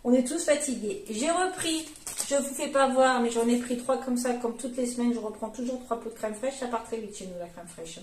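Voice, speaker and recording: Fairly quick and a little mellow, her voice sits on the high side as she, a mom and vlogger in her forties, chats through a grocery haul. Fillers and self-corrections pepper her rambling; the room is echoey, with slight hiss or hum.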